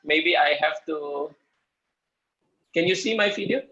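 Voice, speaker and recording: Halting, slow-talking man on a muffled call. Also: on the high side, sharp tone. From Indonesia. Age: 30s. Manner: hesitant, many fillers and restarts. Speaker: guest lecturer, architect. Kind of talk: halting lecture in non-native English.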